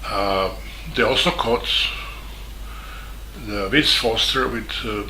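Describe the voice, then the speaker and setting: A man speaks English with a Serbian accent, his voice low in pitch yet strikingly bright and edged. He talks haltingly, stopping often and restarting his sentences. The recording sounds echoey, with a faint room hum behind him. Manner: halting, with many fillers and restarts. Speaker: journalist. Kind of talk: spoken statement.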